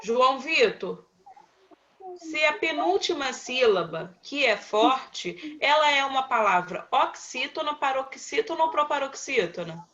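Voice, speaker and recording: Uma professora brasileira dando aula por videochamada, com voz viva e clara. Ela fala bem devagar e repete cada resposta com paciência. O som da chamada chega abafado. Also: female voice, high voice, expressive, a bit bright, highs cut off. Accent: Brazilian Portuguese. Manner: patient, slow, calls on pupils by name and repeats answers. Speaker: primary school teacher. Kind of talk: online class, quizzing pupils.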